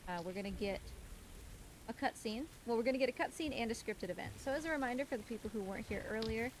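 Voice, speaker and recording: Speaking fast in a slightly high voice, this woman streams a video game as a speedrunner and host. She chats casually and explains as she goes, addressing her viewers and the creature in the game, over clearly noisy audio with game sounds in the background.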